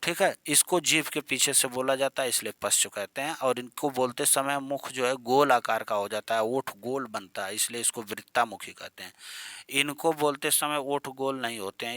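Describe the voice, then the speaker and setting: A young man leads an exam-prep grammar lesson, talking in a chatty, coaxing way and calling his students "beta". His voice is bright and clear at an ordinary pitch. The sound is dry and close, with no room echo. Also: normal speed. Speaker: teacher.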